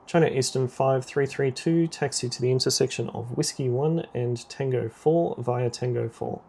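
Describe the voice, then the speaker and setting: Acting as air traffic controller in a simulator game, a man issues brisk, procedural radio commands at normal speed. His voice is creaky and medium-pitched, with a warm tone.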